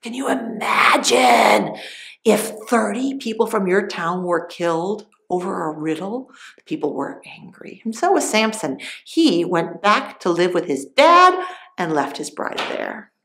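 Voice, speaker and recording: A woman narrating a Bible story for children, animated, with dramatic asides. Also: fairly low pitch, unhurried. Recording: roomy echo.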